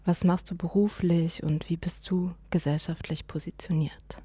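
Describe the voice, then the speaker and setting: A woman hosting and moderating a conversation, speaking in a measured way with frequent pauses and fillers. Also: lowish voice, fairly even intonation, mellow, husky, no echo. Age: adult, mother. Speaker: host and interviewer.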